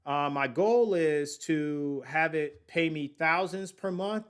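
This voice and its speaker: A man in his late thirties hosts a laid-back podcast about investing. His voice sits somewhat higher than most men's, and he talks to his listeners in a chatty, slangy way. He keeps working out the numbers aloud as he goes. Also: slow, smooth. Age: late 30s. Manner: chatty, thinks aloud while working sums; slangy, addresses listeners as y'all. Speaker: podcast host. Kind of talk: casual investing talk.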